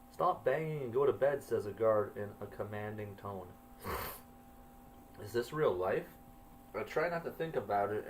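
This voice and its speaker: A man in his forties or older telling his own story in a measured, brooding, quietly puzzled way. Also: fairly low pitch, slight background noise, low-quality recording. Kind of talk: reflective first-person storytelling.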